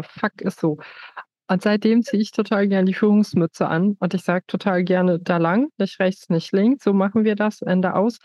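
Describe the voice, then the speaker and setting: A woman's voice: on the low side, a little mellow, dry recording, dull audio. A woman speaking frankly and decisively in a casual interview conversation.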